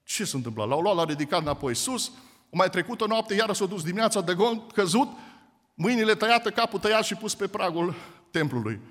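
A man's voice: sits high, lively intonation, a bit bright. A man preaching a sermon, retelling a scripture story with emphatic storytelling and acted-out voices. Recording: reverberant hall.

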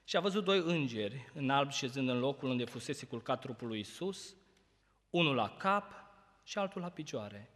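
Male preacher, bright high voice, expository sermon with rhetorical questions, long church-hall reverb. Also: expressive. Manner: expository preaching, rhetorical questions, loud emphatic peaks then quiet reading.

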